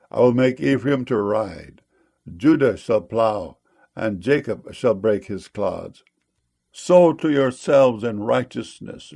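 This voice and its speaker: A man with a medium-pitched voice narrates scripture for an audiobook. His delivery is solemn and formal. He reads in measured phrases, giving each line its weight. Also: a little mellow.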